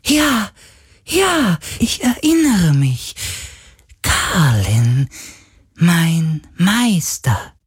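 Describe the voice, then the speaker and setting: A man putting on a breathy, dying sea spirit. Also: high-pitched, big pitch swings, dry recording, clean studio sound, voice pushed up, exaggerated voice. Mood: joyful. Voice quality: breathy, drawn-out, fading to whispers. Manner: slow, lamenting, childlike wonder. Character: dying ancient sea spirit, glowing sphere, mournful.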